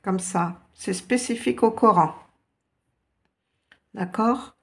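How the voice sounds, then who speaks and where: A woman's voice: medium pitch, slow, fairly bright tone. A woman teaching a beginner language lesson, explaining patiently step by step. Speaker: Arabic teacher.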